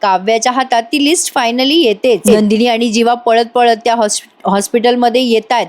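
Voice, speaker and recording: A woman's voice: on the high side, fairly even intonation, normal speed. A woman narrating a voice-over recap of a TV serial episode, chatty and exclamatory, talking directly to her viewers. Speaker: TV serial reviewer.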